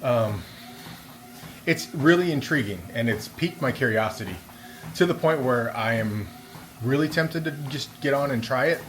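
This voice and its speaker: A man's voice: mid-range voice, normal speed. Man musing while walking on a treadmill, noisy background. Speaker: vlogger. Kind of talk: casual rambling vlog talk. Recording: steady background noise of treadmill. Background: treadmill and room noise.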